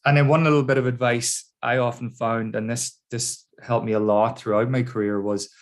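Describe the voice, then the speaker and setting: A man's voice: mid-range voice, flat delivery, moderate pace. A middle-aged man with a northwest Irish accent from Donegal, giving an informal, reflective career talk to students over a video call. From Donegal, Ireland. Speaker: guest speaker, engineer.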